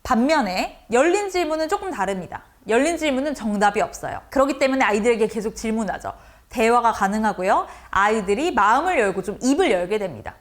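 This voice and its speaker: A woman's voice: fairly high pitch, quick pace. A woman lecturing teachers on how to talk with students, often acting out the lines of teacher and child. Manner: lively, acts out teacher and child lines in a changed voice.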